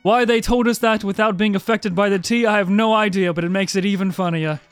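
A man narrates a tabletop fantasy game as game master. His voice is smooth and closely recorded, with very little room around it. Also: high-pitched, steady tone, brisk, dry recording, soft background music.

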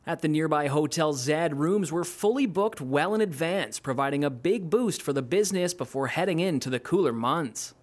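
A man's voice: a little high, animated, normal speed, hardly any pauses. A man narrating a scripted TV news report.

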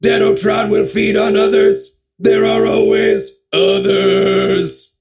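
A man voicing a robotic, menacing loan-form bureaucrat machine in a comedy ad skit, speaking in a stilted monotone. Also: sits high, slow pace, vocal fry, over loud music, full character voice.

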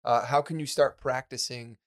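A man's voice: medium pitch, steady tone, normal speed. A man co-hosting a podcast, his voice sitting in a plain middle register. He talks in a loose, rambling way, circling back with fillers and restarts as he works through his thoughts. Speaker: podcast co-host. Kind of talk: casual podcast chat.

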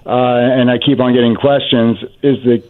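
A man's voice: mid-range voice, fairly even intonation, normal speed. A man phoning in to a radio advice show, heard over a narrow, tinny phone line. He talks casually and politely, asks plain questions and says sorry when he interrupts. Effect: phone line on air.

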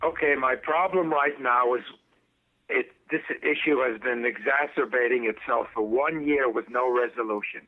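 A man's voice: mid-range voice, moderate pace. A man calling in over the phone to a podcast, telling his story in formal, wordy phrasing. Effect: heard over the phone. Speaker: caller. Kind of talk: casual phone call on a podcast. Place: lives in a big city apartment building. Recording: tinny phone line.

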